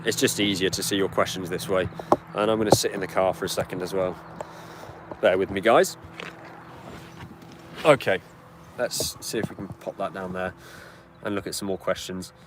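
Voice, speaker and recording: A man's voice: low-pitched, fairly even intonation, moderate pace, long pauses. Chatty young British man, outdoors. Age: 20s. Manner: chatty, answers viewer questions. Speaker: channel host. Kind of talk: casual live-stream Q&A. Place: outdoors beside his car. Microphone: camera on a tripod. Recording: outdoor street and engine noise. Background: car engine and outdoor ambience.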